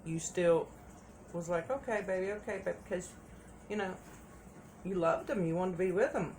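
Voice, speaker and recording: Woman, low voice, tarot reader, casual and chatty, repeats herself for emphasis, faint background noise. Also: fairly even intonation, measured pace, a little mellow.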